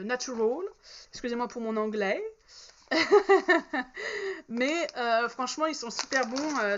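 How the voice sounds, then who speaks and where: High-voiced chatty woman, muffled sound. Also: fairly bright tone. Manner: chatty, hesitant, many fillers and self-corrections. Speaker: vlogger showing a shopping haul. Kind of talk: casual chat. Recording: slightly dull, faint background noise.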